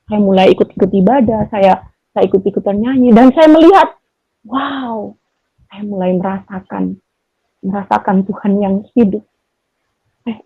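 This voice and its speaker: Woman, middle-aged, from Indonesia, personal testimony; mellow, slightly high voice, hesitant with restarts, climbing in pitch at emotional moments; dull lo-fi recording. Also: husky, no room sound. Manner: hesitant, many fillers and restarts; rises high and emotional when recalling feelings. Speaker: testimony speaker.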